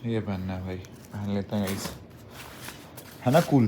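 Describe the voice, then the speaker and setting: A man's voice: on the low side, moderate pace, roomy sound, distant mic, background noise. A young man chatting casually to his phone camera in a vlog, teasing and playful. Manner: playful, teasing, bursts of mock anger. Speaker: travel vlogger. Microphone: phone held in hand.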